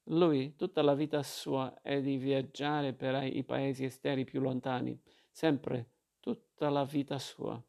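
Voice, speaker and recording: A man reading aloud and voicing a fiery, indignant boy who answers defiantly, in a dark and gravelly voice. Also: medium pitch, fairly even intonation, unhurried. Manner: vehement, defiant.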